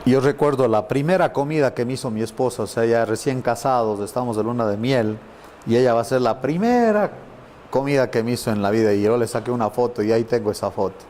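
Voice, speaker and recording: A middle-aged man teaches a Bible class in an easy, conversational way. He tells stories and slips into the voices of the people he quotes. His voice sits at a middle pitch, with a faint hiss behind it. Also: quick pace. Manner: animated storyteller, acts out quoted voices.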